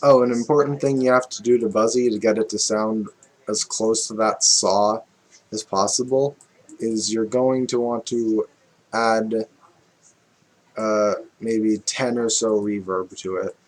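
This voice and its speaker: Guy doing a chill music tutorial, slow and easygoing, lots of ums and self-corrections, music in the background. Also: fairly low pitch. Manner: relaxed, thinking aloud with fillers and self-corrections. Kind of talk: casual screen-recorded music tutorial.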